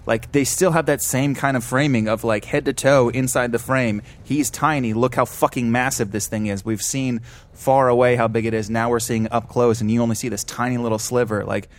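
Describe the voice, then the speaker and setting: A man's voice: medium pitch, steady tone, a little fast. A man in a casual film discussion, talking animatedly and swearing freely.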